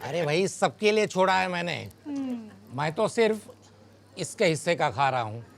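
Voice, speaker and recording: A man's voice: high-pitched, expressive, normal speed, gravelly, crowd noise. An actor playing a playful, mischievous older father who teases his family at his own birthday party. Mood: teasing. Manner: teasing, mischievous.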